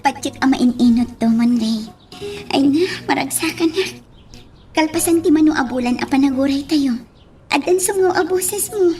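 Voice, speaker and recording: A woman voicing a caring partner who gently coaxes and encourages, in a radio drama. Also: high voice, moderate pace, faint music behind, lightly acted. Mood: encouraging, tender. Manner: gentle, coaxing.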